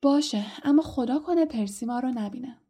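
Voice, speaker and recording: A woman's voice: high voice, mellow, husky. A woman voicing a nervous, grumbling eleven-year-old boy in a storybook reading. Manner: grumbling, reluctant.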